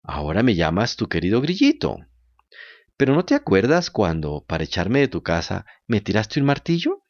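A man voicing a wise talking cricket who gives calm, moralizing lessons in a storybook reading. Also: lowish voice, normal speed, no echo, muffled recording. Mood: lecturing.

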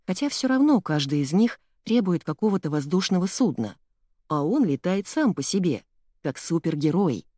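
Woman reader as a hushed puzzled boy, low mellow tone. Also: sing-song, normal speed, no room sound, clean studio sound. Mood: musing. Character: curious young boy, puzzled and anxious.

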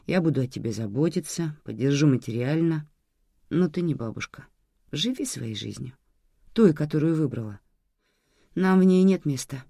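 A woman's voice: low voice, lively intonation, normal speed, vocal fry, mellow, no echo, exaggerated voice. A reader voicing a resentful young mother who speaks to her own mother firmly and reproachfully, recorded dry and close. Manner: firm, reproachful.

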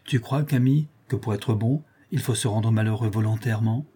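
A man's voice: fairly low pitch, a little fast, warm tone, husky. Teasing cheerful young mother, as a man reads her.

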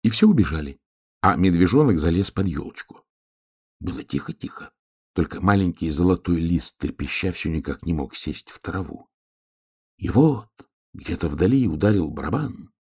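A man reading a children's tale aloud, expressive and hushed at quiet moments. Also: low-pitched, normal speed, husky. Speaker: storyteller.

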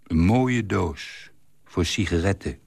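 A man voicing a big, heavy-voiced father who is gloomy and remorseful, reading his lines plainly and slowly in a storytelling. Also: animated, creaky, darkish tone, breathy edge, no room sound, full character voice. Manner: plainly read quotes, low and unhurried.

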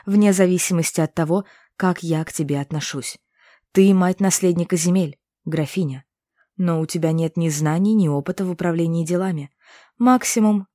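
A woman voicing a calm young male inquisitor who explains things patiently and teases gently. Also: lowish voice, dry recording, clean studio sound, close to an everyday voice.

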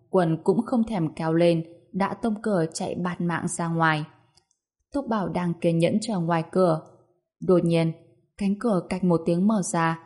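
Low-voiced woman storyteller. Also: dark tone. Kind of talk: scripted story narration.

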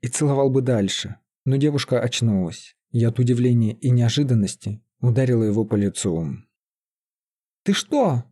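A male narrator reads a fantasy story in a steady, even way. His voice is mellow and dark in tone, with a husky edge. The pitch sits in the middle of a man's range. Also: a little fast, hardly any pauses. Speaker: audiobook narrator.

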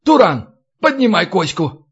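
A man's voice: high voice, very animated, measured pace, husky, dull audio, pitched above the performer's own voice, exaggerated voice. Male reader voicing a swaggering young scavenger, taunting, raised voice. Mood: cocky. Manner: swaggering, teasing.

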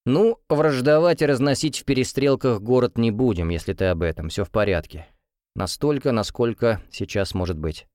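A man doing a calm easygoing father. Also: mid-range voice, normal speed, no echo, studio quality, close to an everyday voice. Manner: relaxed, matter-of-fact.

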